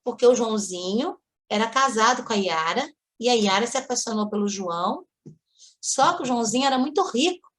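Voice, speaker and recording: Woman, study-group speaker, higher voice, animated storyteller. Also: fairly quick. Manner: lively storyteller acting out quoted lines. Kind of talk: spiritist study talk, storytelling.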